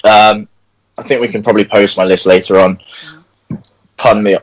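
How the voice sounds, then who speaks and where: Laid-back low-voiced man chatting. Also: steady tone, normal speed, rough recording. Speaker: co-host and tabletop player. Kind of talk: casual live chat.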